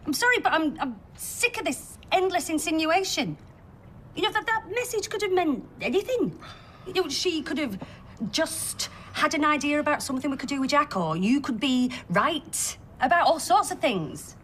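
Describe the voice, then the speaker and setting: A woman's voice: high-pitched, big pitch swings, moderate pace, a bit bright, a little hiss or hum. An actress playing a defensive, exasperated woman in a TV soap, indignant and biting. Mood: indignant, agitated. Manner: indignant, sarcastic. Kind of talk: television soap drama.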